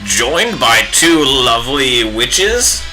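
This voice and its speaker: A man's voice: medium pitch, sing-song, music in the background, poor audio. A man playing a pompous bearded old wizard with a put-on British accent, hamming it up while he paints live. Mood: grandiose. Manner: hammy, drawn-out theatrical wizard speech.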